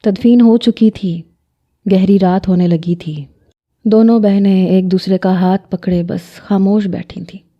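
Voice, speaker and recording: Soft-spoken woman storyteller. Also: mid-range voice, fairly even intonation, muffled recording. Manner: soft, measured, sorrowful. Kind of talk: emotional scripted narration.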